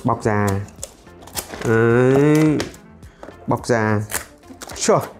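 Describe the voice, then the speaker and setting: A man's voice: mid-range voice, extremely slow, darkish tone, faint music behind. A man, chatting casually and jokingly while unboxing tech gear as a channel host. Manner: chatty, jokey, talks while handling items.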